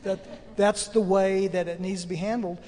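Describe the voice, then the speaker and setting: An older man giving marriage advice in a slow, wry, self-deprecating way. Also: sits high, flat delivery, warm tone. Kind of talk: casual advice talk. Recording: long hall reverb.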